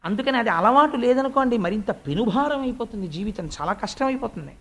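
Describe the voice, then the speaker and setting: A man with a notably high voice delivers a devotional sermon. He tells stories in a chatty way and turns to the audience with polite asides. He slips into the quoted voices of relatives and sages as he recounts the scripture. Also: lively intonation, fast talker. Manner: conversational storytelling with polite asides to listeners; acts out quoted speech of family members and sages. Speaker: spiritual discourse speaker.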